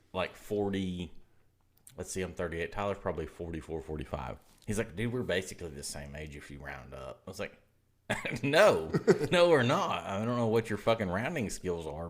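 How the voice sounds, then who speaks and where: A man's voice: low voice, big pitch swings, moderate pace. A man, co-hosting a podcast in loose, profane banter and laughing often. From Oklahoma. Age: 30s. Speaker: podcast co-host.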